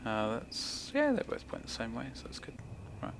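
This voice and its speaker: A man's voice: mid-range voice, wildly swooping pitch, moderate pace, vocal fry, noisy background. A young man with a broad New Zealand accent, thinking aloud casually as he commentates on his gameplay, laid-back and slangy with mumbled asides. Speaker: gaming video creator. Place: indoor room at home.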